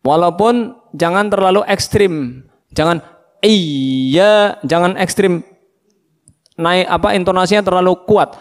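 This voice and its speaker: A man with an Indonesian accent teaching Quran recitation, drawing out each verse slowly and patiently correcting single syllables in call-and-repeat drills. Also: high voice. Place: mosque hall. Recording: long mosque reverb.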